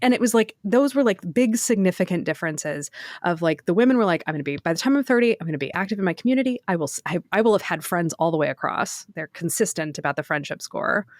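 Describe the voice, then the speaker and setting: Low-voiced woman podcast host, lively. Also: quick pace, dry recording, clean studio sound. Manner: animated, laughs often, acts out quoted survey answers. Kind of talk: casual podcast discussion.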